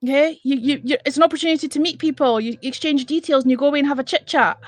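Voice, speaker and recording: A Scottish-accented woman from Edinburgh hosts a casual live stream, talking to her viewers bluntly and with exasperation while cursing without restraint. Her voice is high-pitched and rapid-fire, captured in a dry recording.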